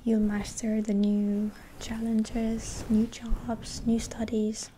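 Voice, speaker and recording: A woman whispers a soothing ASMR pep talk in a very mellow, breathy hush. Her delivery is slow and barely varies in pitch, with gentle pauses and a reassuring manner throughout. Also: completely flat delivery, slight background noise, low-quality recording. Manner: hushed, breathy whispering and soft-spoken. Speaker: ASMR host.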